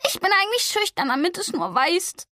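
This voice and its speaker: A woman voicing a young female artist who is anxious, tearful and despairing, her voice high and breaking. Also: normal speed, a bit bright, no room sound, studio quality. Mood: defensive.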